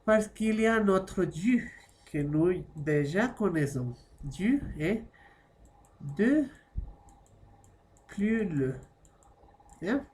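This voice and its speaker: Teaching a French class online, a woman explains patiently, slips French phrases into her Spanish, and keeps checking understanding with short tag questions. Her medium-pitched, darkish voice has lively intonation, and she speaks very slowly with long pauses.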